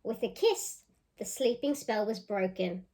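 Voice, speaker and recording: A woman teacher reads a picture book aloud to kids in a mid-range voice. She reads with expression, and pauses to pose questions to the children.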